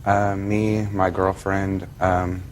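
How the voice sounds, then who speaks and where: A man's voice: low voice, level tone, takes it slowly, a little hiss or hum. A seventeen-year-old American male giving courtroom testimony as a plaintiff, hesitant and polite. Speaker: young plaintiff.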